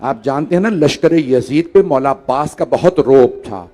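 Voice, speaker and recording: A man preaching a mourning sermon, swelling from hushed grief to loud pleading cries. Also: mid-range voice, normal speed. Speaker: Shia preacher reciting a majlis. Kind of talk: mourning sermon, chanted recitation of tragedy.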